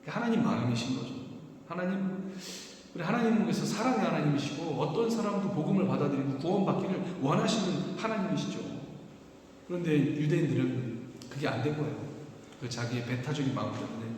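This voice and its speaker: A man preaching a Sunday sermon as pastor, talking in a conversational way and slowing down to read scripture. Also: fairly high pitch, animated, darkish tone. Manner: conversational preaching, rising emphasis, slows for scripture. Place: church sanctuary. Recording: echoey hall, faint noise.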